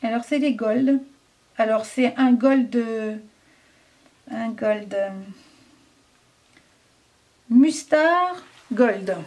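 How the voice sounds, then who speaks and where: A woman's voice: on the high side, extremely slow, pauses often, darkish tone, slight background noise. A French woman casually reviewing craft markers, chatty and hesitant, thinking aloud with many fillers.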